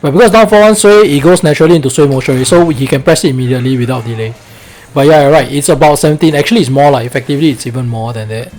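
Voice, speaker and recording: A man's voice: medium pitch, racing, a little mellow, low-quality recording. A man with a Singlish accent, coaching a fighting game in a casual, colloquial way and often checking with "right?".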